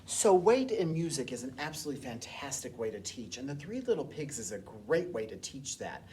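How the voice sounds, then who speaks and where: A woman teaching a movement class, telling a story in an expressive, animated way. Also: rumbling low, fairly quick, noisy background. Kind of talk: storytelling music lesson. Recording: distant mic, loud piano behind.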